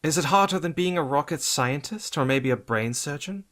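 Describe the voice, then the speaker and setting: A man's voice: mid-range voice, voice pushed up, natural voice. A man voicing Batgirl, a bold young female crimefighter, in an audiobook reading, eager and teasing. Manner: quick, excited and teasing. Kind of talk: audiobook character voice.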